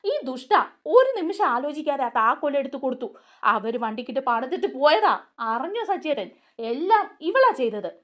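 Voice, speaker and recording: A heated young man hurls accusations at a woman in a serial retelling, voiced by a woman narrator. His voice sits high and swings widely, and he sounds worked up and insistent. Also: big pitch swings, a little fast. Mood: accusing.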